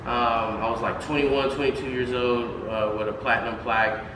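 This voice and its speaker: A music producer in his thirties from Houston, Texas, is a guest in a casual interview, rambling with lots of fillers and restarts. He speaks at a moderate pace in a medium-pitched, fairly bright voice with flat delivery, caught on a distant mic in a roomy space with faint noise.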